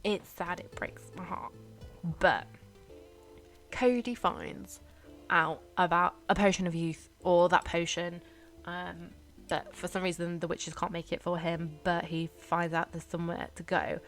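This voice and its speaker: A woman's voice: on the low side, fairly even intonation, unhurried, soft background music. A young woman, chatting casually and rambling with fillers and giggles as she ranks characters. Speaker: YouTuber ranking characters. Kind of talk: casual chat over gameplay.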